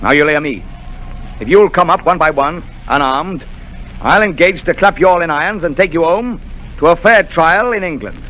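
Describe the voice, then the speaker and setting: An actor playing a stern, clipped male ship's captain giving brisk orders in a 1930s radio drama. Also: on the high side, animated, a bit bright, rough recording. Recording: old radio broadcast with faint hiss.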